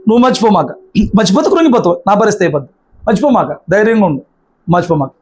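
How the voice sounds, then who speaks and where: A man preaching with a high-pitched voice, pressing his point through repetition and rhetorical questions. He speaks as a pastor addressing a church congregation. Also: expressive, racing, a little mellow, husky. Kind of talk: sermon.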